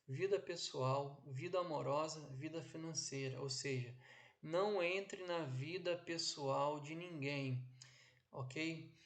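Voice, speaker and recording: Working from his home office, a Brazilian man teaches an online course in a slightly high voice over some background noise. His instructive style is drawn out, and he regularly checks in with "ok?" and "né?".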